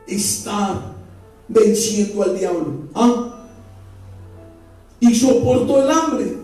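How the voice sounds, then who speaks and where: A man's voice: extremely high pitch, mellow. A man preaching a sermon as pastor, talking conversationally and throwing rhetorical questions at his congregation. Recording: very echoey church hall from far off, faint music.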